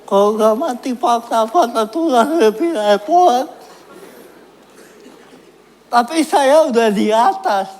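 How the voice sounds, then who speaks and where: Guy preaching his testimony real slow, jokes about himself, gets earnest. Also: extremely high pitch, lively intonation, a little mellow. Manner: self-mocking, laughs at his own story. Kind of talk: personal testimony sermon.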